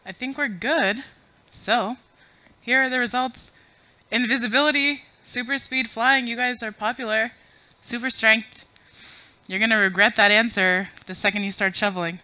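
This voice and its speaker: She is a woman in her thirties from Afghanistan, polling the crowd and making self-deprecating, chatty remarks during a conference talk to a full room via a podium mic. Her voice is fairly high and sharp, steady and moderately paced. The recording is dry and the audio poor.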